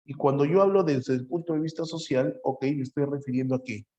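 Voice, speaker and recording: A man's voice: medium pitch, fairly quick, darkish tone, muffled recording. A man teaching psychology in a classroom, repeating phrases and firing questions at his students. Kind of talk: lively classroom lecture.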